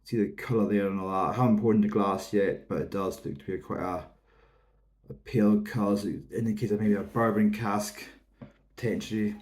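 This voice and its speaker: A man's voice: on the low side, fairly even intonation, fairly quick, darkish tone. A man in his thirties with a Hebridean Scottish accent, giving a casual, rambling review to camera in an informal, explanatory way. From Isle of Lewis, Outer Hebrides, Scotland. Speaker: whisky reviewer.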